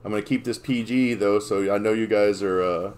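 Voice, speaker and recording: A man's voice: on the low side, fairly even intonation, a little fast, darkish tone. A man opening trading card packs on a live stream, in casual chat, playfully confused and stumbling over the names.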